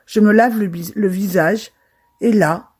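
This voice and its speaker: A young woman narrating a first-person horror storytime, with a dramatic and lively delivery. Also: medium pitch, measured pace, breathy edge. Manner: dramatic, lively retelling with quoted voices.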